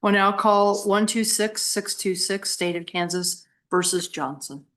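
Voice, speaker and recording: A woman's voice: mid-range voice, a little slow, a bit bright. A woman presiding as judge, giving formal procedural instructions in court.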